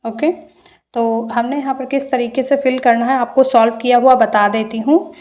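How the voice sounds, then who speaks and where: A woman's voice: a little high, steady tone, moderate pace, a little mellow. A woman teacher, explaining homework answers step by step and mixing into her Hindi. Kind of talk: homework walkthrough.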